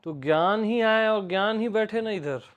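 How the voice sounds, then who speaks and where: A man's voice: high voice, moderate pace, highs cut off. A man with an Indian accent giving an informal spiritual discourse, teaching by repetition and by asking his listeners questions.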